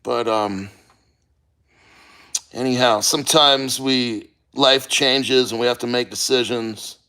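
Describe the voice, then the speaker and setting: A man chatting casually on a livestream, blunt and sweary, with halting, strained delivery and throat-clearing as he endures cold. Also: mid-range voice, fairly even intonation, bright, forceful tone. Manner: halting, sighing, throat-clearing while enduring icy water. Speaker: livestreamer reading viewer comments.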